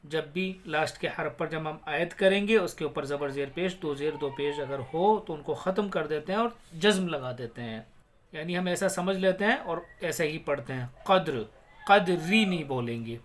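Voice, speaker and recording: A man with a Pakistani Urdu accent teaching a tajweed lesson, patiently explaining rules and repeating words, then reciting them slowly in a drawn-out, melodic way. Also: fairly high pitch, slight background noise.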